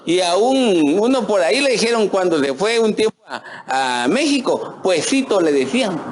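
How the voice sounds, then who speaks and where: Guatemalan pastor with a lively high voice. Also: male voice, normal speed. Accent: Guatemalan Spanish. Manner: folksy, addresses listeners as "hermano", many fillers and restarts. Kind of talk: conversational sermon.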